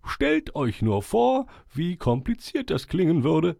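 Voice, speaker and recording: A man voicing a wise, friendly old male owl who chairs a forest meeting, speaking slowly and stately with hooting calls. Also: fairly high pitch, big pitch swings, creaky, dark tone, no room sound, studio quality, pitched above the performer's own voice, exaggerated voice. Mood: instructive. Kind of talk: storybook character voice.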